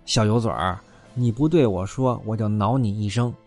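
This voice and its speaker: A man voicing a sharp, jealous young concubine. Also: on the low side, moderate pace, soft background music. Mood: pressing. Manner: sharp, scolding, pleading. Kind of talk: storyteller voicing a character.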